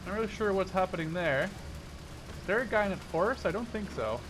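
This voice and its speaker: High-pitched, animated and fairly quick, a Dutch man in his twenties living in Canada hosts a gaming video. He keeps up casual, playful chatter, thinking aloud as he goes. Vehicle and game noise from a tank game plays behind his voice.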